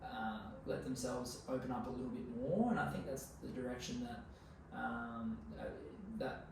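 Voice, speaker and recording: A man's voice: medium pitch, normal speed, creaky. A man in his twenties with an Australian accent chats casually as an interview guest, in a laid-back, slangy, sweary way. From Queensland, Australia. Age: 20s. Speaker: podcast guest. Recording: very echoey, distant mic, noisy room.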